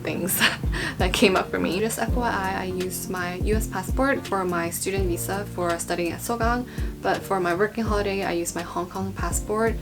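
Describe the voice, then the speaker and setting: A young adult woman vlogs casually and informally, rambling through a chatty informational explanation. Her voice is medium-pitched with fairly even intonation at normal speed, and guitar music plays in the background.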